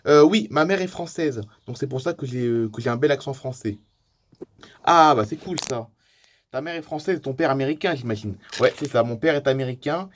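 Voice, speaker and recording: A man's voice: mid-range voice, normal speed, slight background noise, natural voice. A man voicing an easygoing camper from Florida. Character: friendly adult male camper from Florida. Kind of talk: improvised pretend play.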